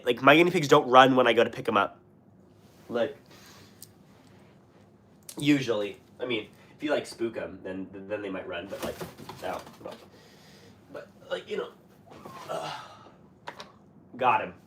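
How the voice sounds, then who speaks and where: Medium in pitch, his voice sounds pushed and bright over a faint hiss or hum. The young West Coast man, from Washington State, is answering viewers on a livestream while sick, coughing and clearing his throat. His casual talk wanders, full of fillers and restarts.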